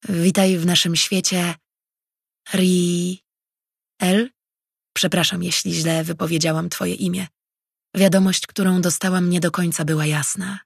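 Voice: mid-range voice, little pitch movement, a little slow, creaky, pauses often, breathy edge, dry recording, studio quality. A narrator voicing Weru, a gracious older woman. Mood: polite welcome. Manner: courteous, hospitable. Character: older woman, welcoming host. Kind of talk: audiobook character reading.

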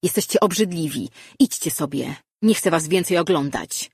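A man voicing a fiery young winged girl who is quick to anger, in an audiobook. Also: lively intonation, breathy edge, no echo, clean studio sound, heavily acted. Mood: angry scolding. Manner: shrill, scolding outbursts. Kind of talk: audiobook character voice.

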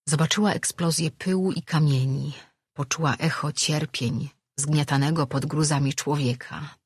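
An audiobook narrator reading a fantasy novel in steady scripted narration. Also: medium pitch, husky, dry recording, studio quality.

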